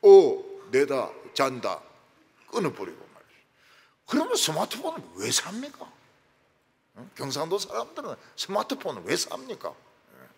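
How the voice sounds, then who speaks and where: A man preaching a sermon as pastor, animated and joking, acting out everyday phone calls and prayers. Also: sits high, moderate pace, gravelly, long pauses, breathy edge. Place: church sanctuary. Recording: reverberant church hall.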